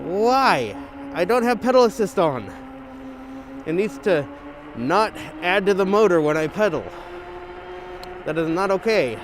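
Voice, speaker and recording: A man's voice: high voice, expressive, measured pace, long pauses. A man speaking through a balaclava in a casual, hesitant bike vlog, thinking aloud as he rides, his voice slightly muffled. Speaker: bike vlogger. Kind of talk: casual vlog chat while riding. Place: outdoors, riding an electric bike on a trail. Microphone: gimbal camera or lapel mic with windscreen. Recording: outdoor wind, motor and traffic noise.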